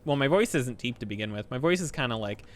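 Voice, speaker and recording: A man in his twenties streams a game while chatting casually, his mid-range voice animated and quick. He rambles, swears freely and makes jokes at his own expense.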